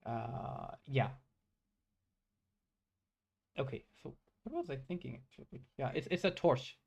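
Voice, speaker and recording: A young man, thinking aloud while coding on a live stream, halting and correcting himself with many fillers. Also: medium pitch, expressive, gravelly, darkish tone, breathy edge. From Bangladesh.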